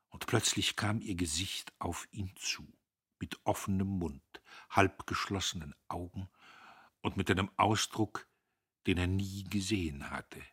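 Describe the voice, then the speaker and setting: A man narrating a novel as an audiobook in a measured, expressive way. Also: sits low, slightly rough.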